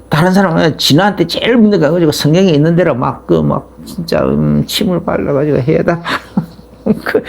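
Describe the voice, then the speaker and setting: Gravelly pastor preaching with lively swings. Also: male voice, sits high. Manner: conversational, rambling storytelling with frequent restarts. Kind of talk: sermon.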